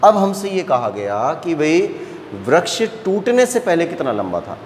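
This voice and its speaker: A man's voice: a little high, huge pitch swings, a little hiss or hum. Patient man teaching maths in an echoey room. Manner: slow, patient explaining, often checking "है ना". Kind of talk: classroom lecture at a board. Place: classroom with a board.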